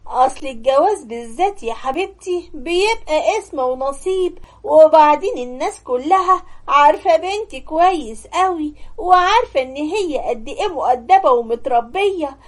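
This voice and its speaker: Scheming Egyptian mom, sugary and sharp, high voice, read by a woman storyteller. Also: animated, moderate pace. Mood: sweet hosting. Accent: Egyptian Arabic. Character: scheming middle-aged mother, sugary to guests, harsh to kin.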